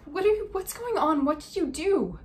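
A young woman performing a dramatic monologue as a hurt, defensive, angry teenage girl, with an upset, halting, naturalistic delivery. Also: mid-range voice, natural voice. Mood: desperate, demanding. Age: young adult. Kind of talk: contemporary dramatic monologue, naturalistic stage acting. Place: small plain indoor room.

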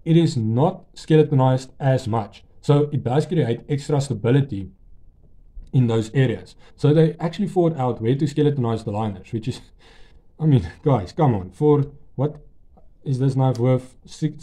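Male reviewer, very dark mellow tone, eager and rambling. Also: medium pitch, moderate pace. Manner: enthusiastic, rambling, many fillers and restarts. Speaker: knife reviewer. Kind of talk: casual product review.

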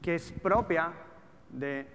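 This man in his thirties, a trader who also teaches trading, addresses a live audience from a big auditorium stage in European Spanish-accented speech. His voice sits a little high and a bit bright, and he takes it slowly, keeping things casual and colloquial with plenty of rhetorical questions. The hall echoes, with noise in the background.

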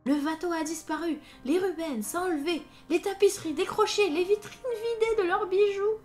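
A woman's voice: normal speed, soft background music, lightly acted. A woman voicing a wealthy older male baron who is frantic and panicked, reading a story aloud. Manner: shrill, frantic outbursts.

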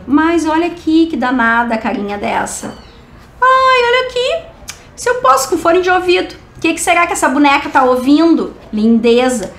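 Woman, Brazilian Portuguese accent, high voice, gushing and cooing, roomy echo. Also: fairly bright tone, a little hiss or hum. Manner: gushing and affectionate, coos over each picture. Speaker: book reviewer and channel host. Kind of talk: casual video review.

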